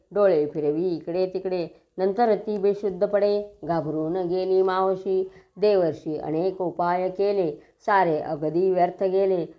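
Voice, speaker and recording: A woman with a Marathi accent reciting devotional scripture verses in a steady sing-song reading, with small slips and restarts. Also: lowish voice, muffled recording.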